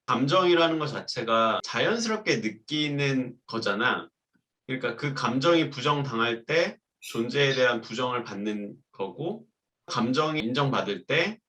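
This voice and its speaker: A man's voice: medium pitch, pushed and bright. A man talking reflectively about parenting, sometimes acting out what he said to his child. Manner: reflective, acts out quoted lines. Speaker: host. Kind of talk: casual parenting talk.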